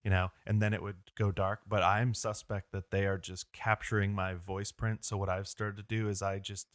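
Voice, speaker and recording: A man with a low voice co-hosts a casual podcast, asking leading questions and dropping jokes along the way. The recording is dry and close-miked. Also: little pitch movement, moderate pace, no room sound. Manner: joking, asks leading questions. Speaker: podcast co-host. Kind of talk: casual conversational discussion.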